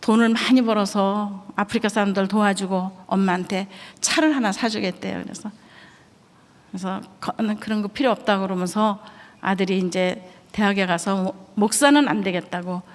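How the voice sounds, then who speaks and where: A woman's voice: medium pitch, normal speed. A middle-aged woman from Korea, a missionary giving an earnest, emotional church testimony. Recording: echoey church hall.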